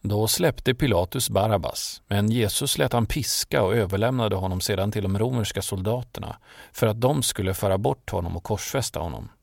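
A man narrating a Bible story in a measured, solemn scripted reading. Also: lowish voice, vocal fry, dry recording, studio quality.

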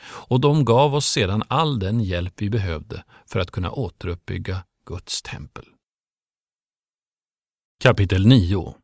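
A low, gravelly male voice reads scripture aloud in a steady, measured way. The sound is close and dry, with no room around it. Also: no room sound. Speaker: scripture reader. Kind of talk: scripted Bible reading.

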